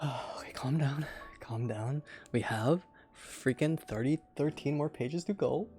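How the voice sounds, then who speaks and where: A young man reads a light novel aloud on a late-night stream, his voice sitting at an ordinary middle pitch. He is chatty and giggly, slipping out of the text for asides. Soft music plays faintly in the background. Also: a little slow. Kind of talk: casual live-stream reading aloud.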